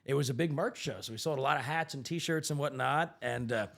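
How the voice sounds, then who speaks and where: A man's voice: mid-range voice, brisk, creaky. A young man, a singer-songwriter guest, telling stories in a casual interview and acting out other people's voices. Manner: animated storyteller who acts out others' voices.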